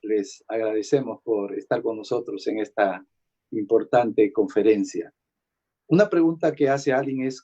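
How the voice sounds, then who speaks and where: A man's voice: on the low side, dark tone, breathy edge. A man moderating a church conference, politely reading audience questions with a slight hesitancy. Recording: dull, muffled, lo-fi sound.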